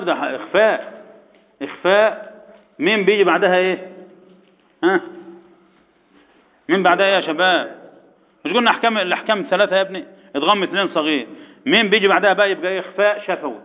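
A man with an Egyptian accent teaching Quran recitation rules to a class, firing quick repeated questions at students and chanting verses slowly. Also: high-pitched. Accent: Egyptian Arabic. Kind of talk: classroom tajweed lesson. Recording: echoey hall, dull lo-fi sound.

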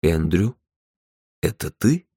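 A man reading a male caller who speaks slowly and carefully in an audiobook. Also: lowish voice, expressive, no echo.

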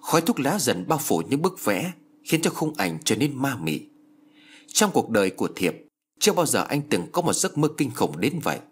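A man's voice: mid-range voice, very animated, normal speed, breathy edge. A man narrating a horror story in a scripted, dramatic storytelling style.

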